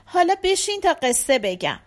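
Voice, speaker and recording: A woman reading the lines of a gentle, tired father who answers his daughter in short, hesitant replies in an audiobook. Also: very high voice, big pitch swings, voice pushed up. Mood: subdued. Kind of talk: audiobook character voice.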